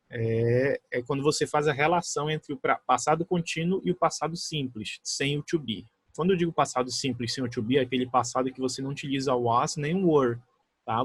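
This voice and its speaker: A Brazilian man teaching English to schoolchildren in Portuguese. He explains patiently, checks with the class often and reads the example sentences slowly. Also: fairly high pitch, slightly rough, no room sound. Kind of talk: recorded classroom lesson.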